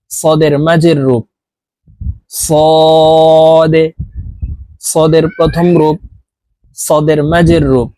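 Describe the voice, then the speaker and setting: A man with a Bangladeshi Bengali accent teaching Arabic letters slowly, one by one, with the letter names drawn out and chanted. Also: on the high side, mellow, no room sound. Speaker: Quran teacher. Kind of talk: slow letter-by-letter lesson.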